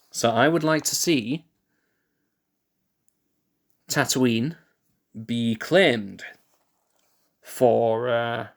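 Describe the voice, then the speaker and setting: A young male streamer chats slowly at a middle pitch, taking his time. He thinks aloud in a relaxed way, often correcting himself mid-sentence and laughing lightly at his own slips. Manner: musing, thinks aloud with restarts and self-corrections; laid-back, chuckles at himself. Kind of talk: casual live-stream chat while building.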